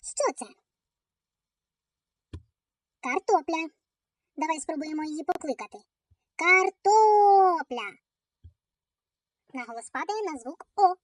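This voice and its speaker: Woman, children's lesson voice, very high, lively sing-song, dry close sound. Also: dry recording. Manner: slow, sing-song calling out of words. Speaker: teacher.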